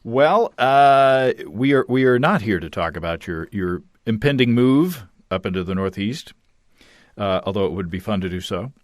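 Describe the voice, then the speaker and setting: A man's voice: lowish voice, moderate pace, dry recording, clean studio sound. A man hosting a podcast, reading listener notes aloud in an easygoing, chatty way. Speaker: podcast host.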